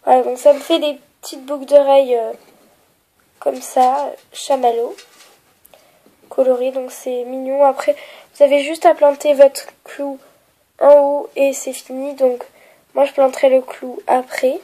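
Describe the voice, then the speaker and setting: A young woman with a stuffy nose from a cold, explaining a craft tutorial at home with many fillers and soft, trailing phrases. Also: high voice, flat delivery, unhurried, poor audio. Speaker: polymer clay tutorial maker.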